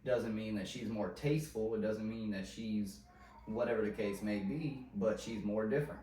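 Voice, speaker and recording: Man, rambling casual chat, slangy, restarts a lot, lowish voice, roomy distant mic. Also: moderate pace, warm tone. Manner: loose, rambling, heavy slang and filler; trails off and restarts often. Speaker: podcast host. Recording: roomy sound, mic at a distance, faint noise.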